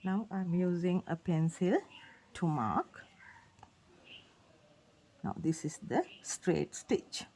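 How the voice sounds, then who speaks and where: A woman's voice: lowish voice, slow pace, pauses often, warm tone. A woman with a Sri Lankan accent, a native Sinhala speaker, giving an informal step-by-step tutorial with simple, repeated phrasing. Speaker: craft tutorial host. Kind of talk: informal instructional demonstration.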